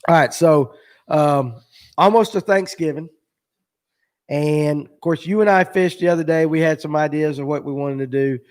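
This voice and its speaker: A man's voice: a little high, moderate pace. A man, hosting a casual live fishing chat in a rambling, joking way with lots of fillers. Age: 40s. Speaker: show host.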